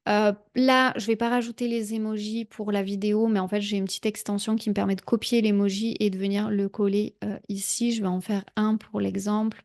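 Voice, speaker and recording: A woman talking a viewer through a software tutorial in a casual, chatty way, with frequent fillers. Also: medium pitch, gravelly. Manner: chatty, many "heu" fillers, speaks directly to viewer. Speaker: productivity tutorial creator. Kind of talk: casual screen-share tutorial.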